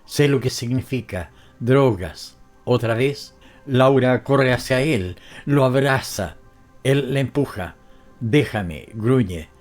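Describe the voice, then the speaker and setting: Male narrator, first-person audiobook, somber, measured, middle pitch, soft music underneath.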